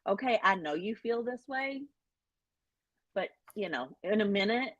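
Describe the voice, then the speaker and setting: A middle-aged woman health coach and author, chatting in an interview in an animated, self-deprecating way with many fillers. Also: medium pitch, a little slow, no room sound, muffled recording. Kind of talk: casual interview chat.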